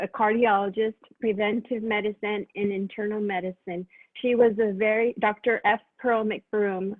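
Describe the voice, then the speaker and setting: A woman's voice: mid-range voice, dry recording. Earnest rambling woman on tinny line. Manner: earnest, rambling with many restarts and fillers. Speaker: massage therapist. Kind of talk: casual sharing with a wellness group. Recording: tinny phone-like dry sound.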